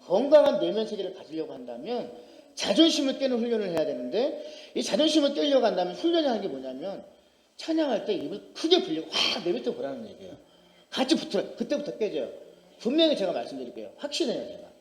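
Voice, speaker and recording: A man's voice: high voice, a little mellow. A middle-aged male pastor preaching a sermon to a small congregation, telling his own story in a conversational, emphatic way. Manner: personal testimony, conversational and emphatic. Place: small church sanctuary. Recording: roomy church hall reverb.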